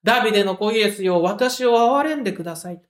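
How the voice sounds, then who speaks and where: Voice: medium pitch, fairly even intonation, moderate pace, a bit bright, close to an everyday voice. A preacher voicing a pleading blind beggar. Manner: pleading, raised insistent cries. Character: blind male beggar crying out for mercy.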